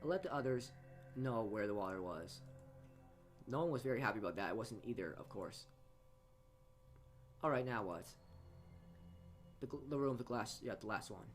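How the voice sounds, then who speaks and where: As a let's play host, a man reads a visual novel's text aloud with asides over game music, often stumbling over words and re-reading them. His voice is on the low side and expressive, at a moderate pace with frequent pauses.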